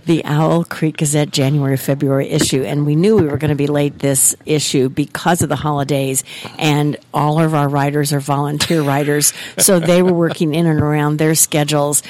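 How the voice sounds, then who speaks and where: A hoarse, croaky woman co-hosting a casual podcast chat, talking easily and laughing often. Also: sits low, flat delivery, normal speed, a little mellow. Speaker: co-host.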